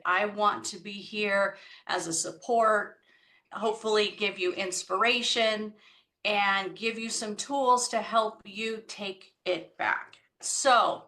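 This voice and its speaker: A woman speech pathologist in her fifties talks in an unhurried, deliberate way. She leans on key words for emphasis, and her voice sits at an ordinary middle pitch. It sounds like a video call. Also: bright, forceful tone. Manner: slow, deliberate, emphatic delivery. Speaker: speech-language pathologist and podcast host. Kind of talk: encouraging talk on stroke recovery.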